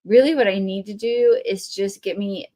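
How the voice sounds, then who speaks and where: A Texan-accented woman with a medium-pitched, dark-toned voice talks at a moderate pace while she crafts on a livestream. She's chatty and rambling, warmly engaging with viewers and responding to what they write.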